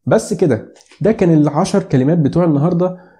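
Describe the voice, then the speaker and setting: A young man with an Egyptian Arabic accent gives a casual video lesson on English pronunciation, joking with viewers and repeating words slowly to demonstrate them. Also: on the high side, warm tone. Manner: joking, playful asides.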